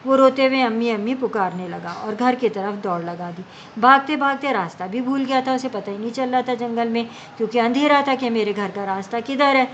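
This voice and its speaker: A woman's voice: a little high, a bit bright. A woman teacher reads a story to young pupils, explaining each line in simple words. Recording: dull lo-fi recording with faint background hum.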